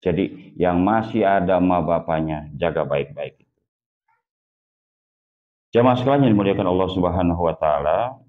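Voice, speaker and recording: A man with a Betawi accent giving a sermon as an ustadz to his congregation, folksy and lively, slowing down to stress his warnings. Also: low-pitched. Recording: dull lo-fi recording.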